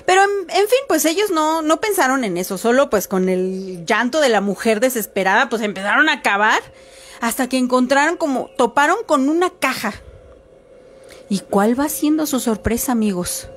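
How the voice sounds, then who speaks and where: A woman's voice: high voice, lively intonation, normal speed. A woman telling a horror story for a podcast, chatty, with fillers and asides to listeners.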